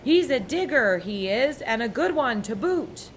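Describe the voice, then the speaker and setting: A woman's voice: on the high side, big pitch swings, a little slow, a little hiss or hum, pitched above the performer's own voice. A woman voicing a blustery, bellowing male pirate captain in a storybook read-aloud, with hearty, commanding pirate talk. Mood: hearty, loud.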